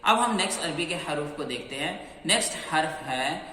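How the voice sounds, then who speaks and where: Bright-voiced man teaching letters in an echoey room. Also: on the high side, expressive, a little hiss or hum. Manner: slow, clear, repeats sounds and drawn-out chanted letters. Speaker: Qur'an teacher. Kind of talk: patient step-by-step pronunciation lesson. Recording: echoey room with long reverb.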